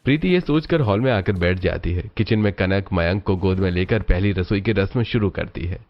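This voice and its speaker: A man narrating a cartoon family story in a steady, even storytelling manner. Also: deep voice, moderate pace, muffled recording. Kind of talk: scripted narration.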